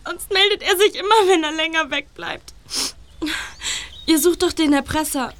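A woman's voice: extremely high pitch, normal speed, a bit bright. A shy, anxious young woman. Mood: pleading. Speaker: character in a radio drama. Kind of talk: German radio-play acting.

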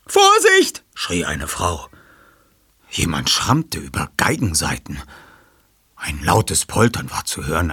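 Lebhafter Hörbuchsprecher mit heller, belegter Stimme. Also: male voice, sits low, fairly bright tone, breathy edge, no room sound, studio quality. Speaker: audiobook reader. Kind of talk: audiobook narration.

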